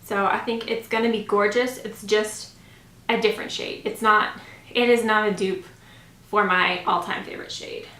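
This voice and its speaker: Her mid-range, slightly bright voice keeps a fairly even intonation and normal pace as she chats to camera about makeup. The scratchy-voiced beauty vlogger, in her thirties, sounds informal and gushing, recorded with echo in a small home room.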